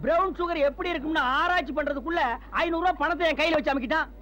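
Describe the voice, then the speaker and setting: A man's voice: very high voice, steady tone, very fast, bright, forceful tone. An actor playing a boastful comic Tamil man who brags about tricking a foreigner. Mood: bragging. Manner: bragging, chuckling. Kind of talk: film comedy dialogue.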